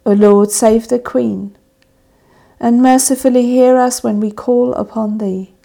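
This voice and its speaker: A woman with a mellow, slightly raised voice and a gravelly edge intones the liturgy of a church service. She leads the prayers and readings with a measured, solemn delivery. Her pace is very slow. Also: on the high side, fairly even intonation. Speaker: service officiant.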